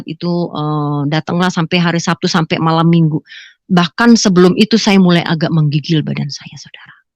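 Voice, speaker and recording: A middle-aged woman giving a personal conversion testimony to a congregation, animated storytelling that bursts into loud acted exclamations. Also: lowish voice, dry recording. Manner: animated storytelling, acts out her own exclamations loudly. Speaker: testimony speaker.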